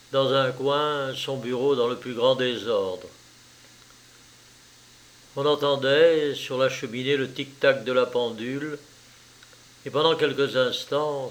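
A man narrating a novel as an audiobook, steady and measured. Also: mid-range voice. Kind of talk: scripted narration.

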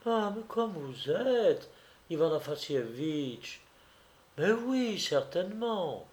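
A man's voice: fairly high pitch, sing-song, slow pace, darkish tone, voice pushed up. A man voicing a simple young country woman, offhand and plain-spoken. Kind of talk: audiobook reading.

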